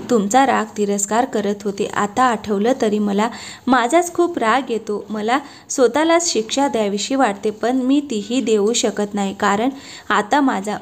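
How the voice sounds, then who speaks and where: A woman's voice: a little high, natural voice. A woman reading the part of a shy, loving young wife who sulks and gets emotional. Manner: pouting, emotional.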